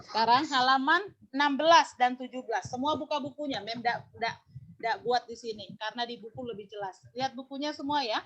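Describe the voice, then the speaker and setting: A woman teaching a class, explaining slowly and repeating points while asking pupils questions. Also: sits high, a bit bright, highs cut off.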